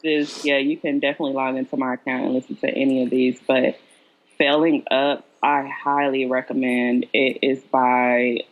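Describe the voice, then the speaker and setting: A woman's voice: a bass voice, flat delivery, moderate pace. A woman chatting casually as a podcast guest, informal and hesitant as she thinks aloud. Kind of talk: casual chat. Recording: muffled lo-fi audio.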